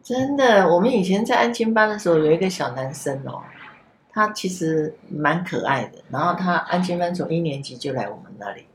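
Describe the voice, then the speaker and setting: A woman, an after-school center director, telling a story gently and vividly in a casual podcast chat. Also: on the low side, expressive, a little fast, slight background noise. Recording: echoey room.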